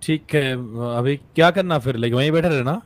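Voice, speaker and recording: A man in a role-play game, pushy and full of questions over the radio. His voice sits a little high, with a dry, close sound. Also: normal speed, dry recording. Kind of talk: casual role-play banter.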